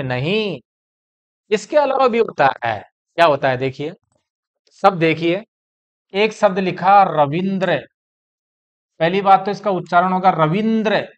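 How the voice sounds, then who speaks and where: A man's voice: high voice, fairly bright tone. A middle-aged man teaching Hindi grammar as a classroom lecture, asking questions and answering them himself. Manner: explains step by step, asks and answers his own questions.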